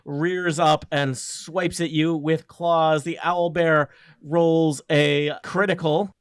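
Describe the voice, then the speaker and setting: A man runs a tabletop game as game master, improvising his narration. He pauses mid-sentence as he works out each description. The sound is dry, with very little room in it. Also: fairly high pitch, steady tone, clean tone, no room sound.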